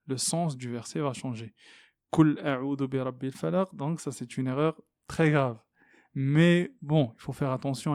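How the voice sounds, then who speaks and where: A man's voice: mid-range voice, a little mellow, dry recording, studio quality. Patient man teaching recitation pronunciation. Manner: patient, repeats sounds slowly, many fillers. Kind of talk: tajwid lesson, explaining and demonstrating pronunciation.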